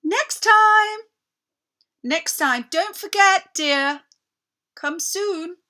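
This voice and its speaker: A woman's voice: very high-pitched, drawn-out words, sharp tone, voice pushed up, exaggerated voice. A woman voicing a queenly witch, slyly sweet and coaxing, in a commanding storybook manner. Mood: calling, sweet. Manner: commanding, wheedling.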